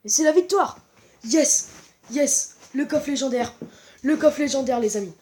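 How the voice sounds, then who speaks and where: This gaming channel host has a high, mellow voice that runs a little slow and sounds congested from a cold. She delivers live gameplay commentary in short, repeated exclamations.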